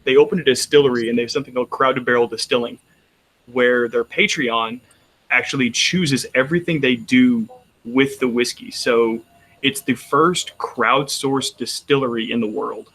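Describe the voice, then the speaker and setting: The audio is poor for this casual roundtable chat with a Texas panelist. He has a Texan accent and a steady, slightly bright mid-range voice at normal speed, and he rambles with frequent restarts.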